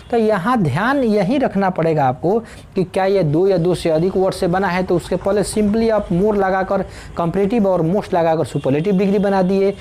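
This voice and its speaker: A woman teaching an English grammar lesson, explaining slowly, spelling out letters and pausing with fillers. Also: mid-range voice, dark tone.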